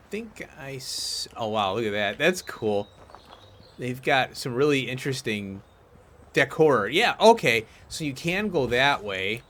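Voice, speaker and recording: A man commentates casually over a video game. His bright, mid-pitched voice moves around in a lively way, and he chats and thinks aloud as he plays. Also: slight background noise. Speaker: gaming video host.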